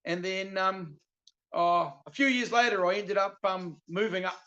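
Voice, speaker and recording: A man's voice: high voice, a little slow, bright, forceful tone. A middle-aged man with a broad New Zealand accent, chatting casually as an interview guest in a laid-back, slangy way. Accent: broad New Zealand (Kiwi). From South Island, New Zealand. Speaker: guest, veteran stock car driver. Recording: dull lo-fi call audio.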